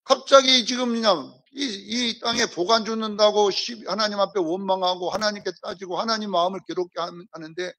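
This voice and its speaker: Man as pastor, preaching in an emphatic style that keeps prodding the congregation, high and gravelly delivery. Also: steady tone, a little fast, few pauses, pushed and bright. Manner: emphatic preaching, rhetorical questions, repeated prompting of the congregation. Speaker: senior pastor. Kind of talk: sermon. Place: church service.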